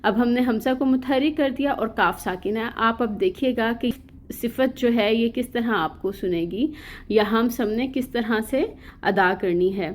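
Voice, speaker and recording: A woman with a Pakistani Urdu accent teaching Quranic letter pronunciation in an online lesson, explaining patiently and repeating sounds slowly. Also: fairly high pitch.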